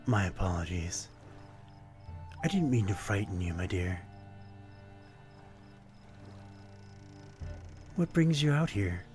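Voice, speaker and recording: Taking on the role of a melancholy, courtly vampire stranger for an intimate ASMR roleplay, this low-pitched man talks in a formal, old-world, softly wistful style. His mood comes across as courteous and teasing.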